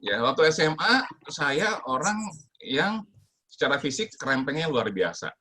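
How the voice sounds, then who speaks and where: A man's voice: on the high side, big pitch swings, unhurried, noisy background. A male comedian giving casual advice, joking about himself and acting out both sides of old banter with friends. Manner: self-mocking, acts out both sides of quoted banter. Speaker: comedian guest.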